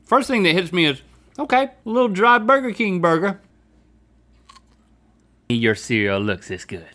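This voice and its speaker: A man speaks with his mouth full of burger, chewing as he talks. His voice sits a bit high and swings widely in pitch. The tone is bright, with a faint hiss of noise behind it. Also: normal speed. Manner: animated, chewing while talking. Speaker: co-host. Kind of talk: comedic taste-test banter.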